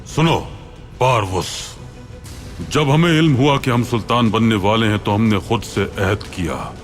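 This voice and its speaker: A man's voice: on the low side, measured pace, faint music behind, lightly acted. An actor dubbing a stern, proud Ottoman sultan who speaks in commanding, solemn oratory.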